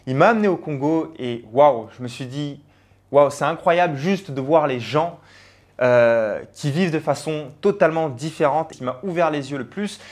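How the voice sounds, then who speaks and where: A man's voice: on the high side, a little mellow. A young man, a personal branding coach, talking earnestly and directly to the viewer in a motivational vlog, with frequent fillers. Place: abroad on travel.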